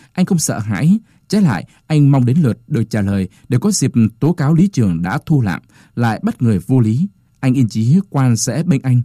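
A man reading a story aloud as narrator, dramatic and expressive. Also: medium pitch, no echo, studio quality.

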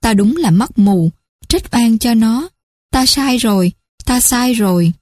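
A woman's voice: a little high, animated, slow pace, a little mellow, dry recording, clean studio sound. A woman voicing an elderly grandmother who is remorseful and anxious, speaking in a quavering, pleading way in a storybook reading.

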